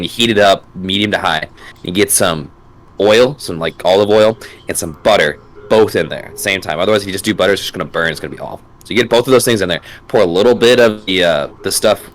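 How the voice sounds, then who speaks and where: A man with a very low, deep voice that is hoarse from being sick speaks in a relaxed, chatty way. He co-hosts a live gaming stream and sounds enthusiastic as he talks through food. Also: fast talker. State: hoarse, voice recovering from illness. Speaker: co-host. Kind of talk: casual stream chat.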